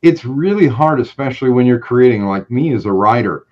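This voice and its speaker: A man, a podcast co-host and writer, chatting casually and a bit haltingly over a video call that makes his voice sound tinny and metallic. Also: mid-range voice, lively intonation, a little mellow. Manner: hesitant, halting delivery. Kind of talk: casual chat. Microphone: video call app.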